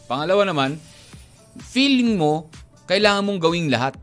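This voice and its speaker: A man's voice: high-pitched, lively intonation, normal speed, a bit bright, soft background music. A man co-hosting a radio show, talking casually and joking, switching between languages mid-sentence. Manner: chatty, mixes English into speech, jokey. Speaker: radio DJ co-host.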